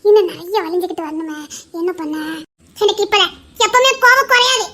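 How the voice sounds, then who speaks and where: A woman playing a sulky young woman with a very high voice. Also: expressive, brisk, sharp tone, exaggerated voice. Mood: sulking. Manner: pouting, playfully stubborn, laughing through complaints. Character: sulky, proud young woman teasing her lover. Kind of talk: amateur romantic audio drama.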